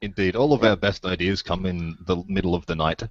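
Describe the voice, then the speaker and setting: A man's voice: sits low, fairly quick, highs cut off. A man in a casual podcast chat, rambling with enthusiasm as he recommends things.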